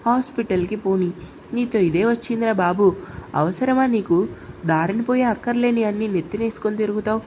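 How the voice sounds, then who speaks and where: A woman's voice: mid-range voice, brisk, a little mellow, a little hiss or hum, close to an everyday voice. A woman voicing a stern young man who speaks curtly and scolds. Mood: gruff. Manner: curt, scolding.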